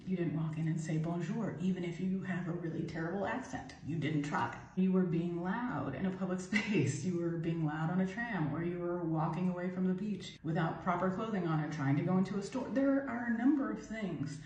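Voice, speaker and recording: A woman's voice: on the low side, a little fast, few pauses, darkish tone, lo-fi sound, a little hiss or hum. An American woman talking candidly to camera at home, giving her opinions in a casual vlog with lots of "like.". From United States. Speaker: vlogger living abroad. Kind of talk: casual talking-head commentary. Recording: roomy echo, distant mic, faint ambience.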